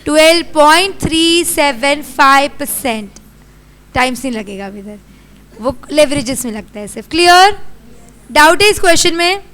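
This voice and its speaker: A young Indian woman teaching a class, brisk and scolding as she quizzes her students. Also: high voice, lively intonation, fairly bright tone. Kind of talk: classroom lecture.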